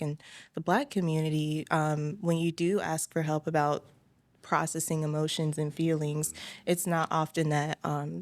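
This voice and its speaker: Young woman, low voice, thoughtful, measured, candid conversation. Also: darkish tone. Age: young adult. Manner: thoughtful, measured advice-giving. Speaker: college student guest.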